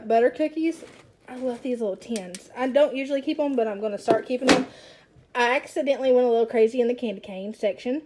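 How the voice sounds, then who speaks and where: A young woman talks through her groceries in a high, bubbly voice, full of happy asides and little jokes at her own expense. She films on her phone at home. Plastic bags crinkle and rustle loudly behind her words. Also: slight background noise. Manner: chatty, excitable, self-mocking asides. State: out of breath. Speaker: stay-at-home mom vlogger. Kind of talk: casual grocery haul chat. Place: home kitchen.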